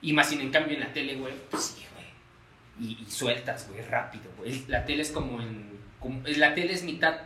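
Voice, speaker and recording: A man's voice: medium pitch, a little fast, bright, forceful tone. A man with a Mexican accent talking casually in a podcast chat, constantly dropping slang fillers as he explains. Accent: Mexican Spanish. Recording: roomy echo, faint noise.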